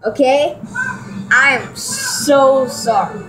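A high-pitched gamer talks slowly through gameplay commentary, the voice bouncing up and down as it gasps and shrieks at the action. The room sounds roomy and echoey, with video game music playing clearly underneath. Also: huge pitch swings.

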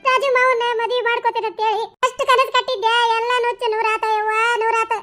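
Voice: extremely high pitch, level tone, a little fast, sharp tone, soft background music. A performer voicing a village mother who wails a lament in a cartoon story. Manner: wailing lament.

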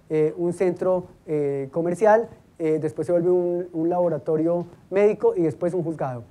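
A middle-aged man, a law school dean, giving a lecture full of anecdotes and acting out the voices of the people in his stories. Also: high-pitched. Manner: lively storyteller who acts out the voices in his anecdotes.

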